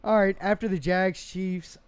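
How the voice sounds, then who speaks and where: A man hosts a casual sports podcast with lively, joking energy. His voice sits a little high and sounds smooth and clean. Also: a little slow, no echo. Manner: animated, joking, leads the picks. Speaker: podcast host.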